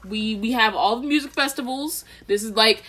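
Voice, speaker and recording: A young woman from Texas with a Southern American accent, co-hosting a casual podcast chat and getting animated. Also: normal speed. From Texas, USA. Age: young adult. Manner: animated, swings up high when riled. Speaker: podcast co-host.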